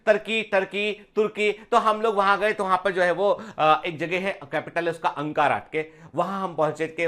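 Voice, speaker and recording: Male biology teacher, high voice, chatty lecture, drops english phrases, storytelling. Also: a bit bright. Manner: chatty, mixes English phrases into Hindi, tells personal stories. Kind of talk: online exam-prep lecture.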